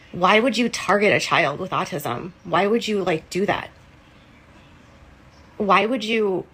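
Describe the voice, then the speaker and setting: A woman's voice: mid-range voice, a bit bright, breathy edge, low-quality recording. A woman talking casually to camera, earnest and emotionally upset.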